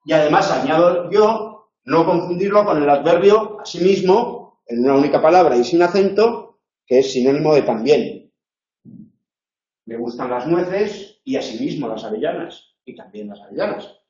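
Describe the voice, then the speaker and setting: A man's voice: fairly high pitch, lively intonation, moderate pace, a little mellow, recorded from a distance. A man from Spain lecturing a class on grammar, explaining points step by step and often checking that listeners follow. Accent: Spanish, not from Madrid. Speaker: university lecturer. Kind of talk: recorded tutorial lecture. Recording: dull, echoey room recording from afar.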